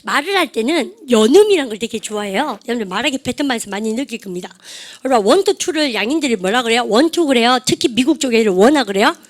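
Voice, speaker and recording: A middle-aged woman teaching English to a classroom of adults, lively and teasing, firing quick questions at her students. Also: fairly high pitch. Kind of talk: classroom lecture.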